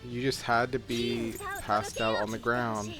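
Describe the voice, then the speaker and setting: A man talks through a game in a casual, meandering way at a middling pitch. He is self-deprecating and unpolished, like someone chatting to viewers while playing. Game music plays clearly behind his voice, along with mouse clicks. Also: level tone, unhurried. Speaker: gaming video creator. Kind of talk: casual gameplay commentary.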